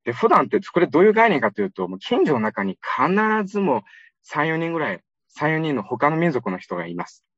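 Lively man giving a lecture. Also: on the high side, a little fast, husky, no echo. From Xinjiang, China. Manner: lively, conversational, with frequent fillers. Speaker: guest lecturer. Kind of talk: public lecture. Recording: dull lo-fi recording, dry.

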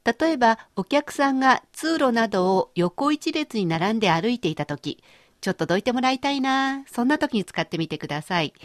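A woman hosting a radio language lesson, explaining phrases clearly and chatting with her co-teacher. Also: a little high, expressive, fairly quick, dry recording, studio quality. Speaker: language course host.

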